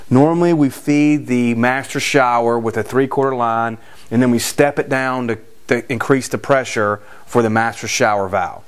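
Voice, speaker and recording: Standing among the bare stud walls of an unfinished house, a man in his forties who works as a general contractor explains the job informally, with frequent fillers and restarts. He has a clear, resonant, medium-pitched voice.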